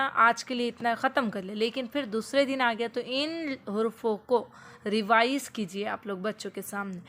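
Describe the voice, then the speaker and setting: A woman teaching how to teach children the alphabet, slowly drawing out each letter as if to a small child. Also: a little high, a bit bright. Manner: slow drawn-out letter recitation as if to a child. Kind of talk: home teaching tutorial.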